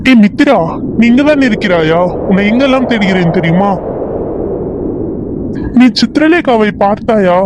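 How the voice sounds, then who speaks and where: A man's voice: sits high, animated, moderate pace, long pauses, very noisy. A man voicing an anxious young hero searching for his missing bride in a cartoon serial, firing off worried questions. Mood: demanding.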